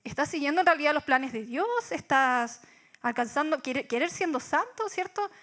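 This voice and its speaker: High-voiced Chilean woman preaching. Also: animated, normal speed, a bit bright. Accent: Chilean Spanish. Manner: reflective, with rhetorical questions and many fillers. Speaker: church speaker. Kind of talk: sermon.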